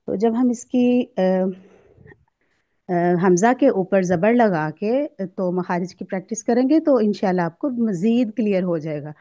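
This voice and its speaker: Slow woman drilling letter sounds. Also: medium pitch, dark tone, highs cut off. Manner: asks a question, then answers it herself. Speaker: tajweed teacher. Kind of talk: recorded recitation lesson.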